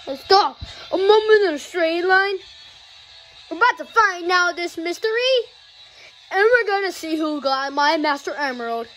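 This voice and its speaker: A hot-headed male echidna plush, played by a woman in a homemade toy adventure. The voice sits high and breaks into dramatic shouts and wails. Boastful and quick to get upset. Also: animated, faint music behind.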